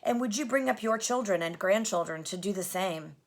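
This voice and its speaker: A woman voicing a kindly, solemn great lion king, speaking in a grave, measured, hushed way. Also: mid-range voice, lively intonation. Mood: questioning.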